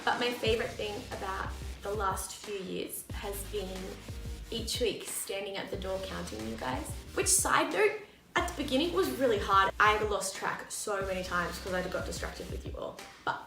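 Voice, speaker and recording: A woman's voice: medium pitch, vocal fry. A young woman youth leader talking enthusiastically about what she loves about youth group. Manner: enthusiastic, warm-hearted, bubbly. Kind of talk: casual heartfelt talk. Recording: echoey room with music underneath.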